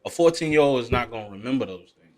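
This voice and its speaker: A man's voice: mid-range voice, lively intonation, fast talker. A man co-hosting a podcast, talking in a casual, reflective way about being a parent. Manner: reflective, speaks of his own kids. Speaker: podcast co-host. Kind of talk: casual chat.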